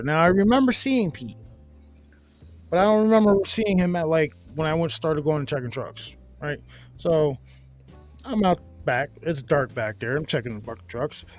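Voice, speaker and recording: A man telling a story in a casual chat, animated and profane, breaking into high yelps as he acts out being scared. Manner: animated, profane, jumps to loud high yelps when acting out his fright. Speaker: podcast host.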